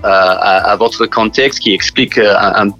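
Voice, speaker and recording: A man from New Zealand speaking French as a second language with a strong English accent, halting and often repeating words as he answers interview questions. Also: fairly low pitch, sharp tone, soft background music, poor audio. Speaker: interview guest from a church sports outreach group.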